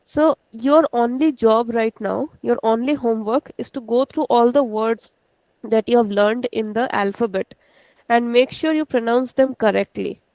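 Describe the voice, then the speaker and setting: A higher-voiced Indian woman teaching an online language lesson speaks Indian English, slowly and patiently drawing out each word and repeating it twice to show pronunciation. She switches into rapid Hindi asides. The close-miked audio is dry and poor in quality.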